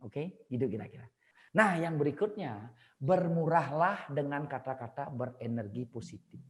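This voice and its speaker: Male seminar trainer, animated storytelling, echoey hall. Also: mid-range voice, normal speed. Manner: animated, addresses audience directly, laughs at own jokes. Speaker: seminar speaker. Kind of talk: lively seminar talk with storytelling.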